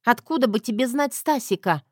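A woman's voice: a little high, animated, a little mellow, no echo, clean studio sound, voice pushed up. A woman voicing a sassy, defiant young wife who keeps snapping back, in an audiobook. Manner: sassy, quick to snap back.

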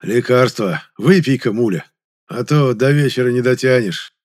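A man voicing a cheerful older man who loudly pushes home brew on a friend, in an audiobook. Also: medium pitch, animated, moderate pace, lightly acted. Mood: hearty. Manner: loud, hearty, coaxing.

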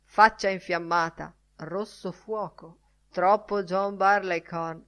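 Firm matter-of-fact bearded dublin man, read by a woman, lowish, audiobook. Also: fairly even intonation, takes it slowly, a bit bright.

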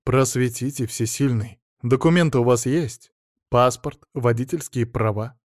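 A man voicing a calm, ironic police detective, polite and dry in an audiobook. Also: medium pitch, unhurried, no echo, close to an everyday voice. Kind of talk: audiobook character voice.

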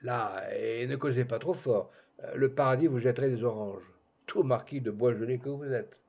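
A man voicing a sharp-tongued, arch society countess who gossips in a teasing, mocking way. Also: medium pitch, normal speed, natural voice. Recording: dull lo-fi recording.

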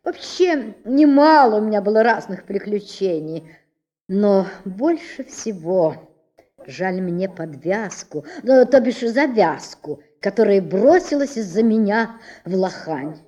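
A woman's voice: medium pitch, lively intonation, slow, warm tone, dull audio. A woman voicing a boastful dandy shirt collar. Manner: fawning, flowery, boastful.

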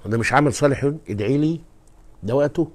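Animated Egyptian preacher, soft then booming. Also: male voice, fast. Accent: Egyptian Arabic. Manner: animated and emphatic, swinging from soft asides to loud stressed words; exclaims and addresses listeners directly. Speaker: Islamic preacher and scholar. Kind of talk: live-streamed religious lecture.

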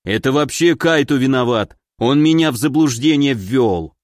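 A man voicing a burly, panicky man who pleads and protests in a drawn-out, whining way. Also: mid-range voice, animated, a little mellow, no echo, clean studio sound, close to an everyday voice. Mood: pleading. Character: panicky big burly man, whiny and stubborn. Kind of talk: audiobook character voice.

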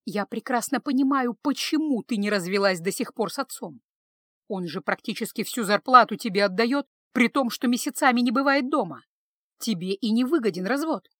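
A woman's voice: fairly high pitch, expressive, normal speed, a bit bright, no echo, clean studio sound. A woman reading the part of a weary, defiant young woman who answers bluntly and sarcastically.

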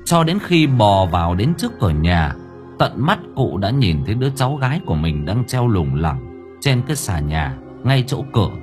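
A man reads a story with expressive, dramatic storytelling. His pitch is on the low side and moves a lot. Soft music plays underneath. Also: moderate pace. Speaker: audiobook narrator. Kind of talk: storytelling narration. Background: faint music bed.

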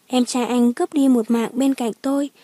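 A woman's voice: fairly high pitch, fairly even intonation, normal speed, warm tone, no room sound, natural voice. A woman voicing a cold, vengeful young woman who sneers and screams back in an audiobook drama. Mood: sneering. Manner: sneering, shrieking.

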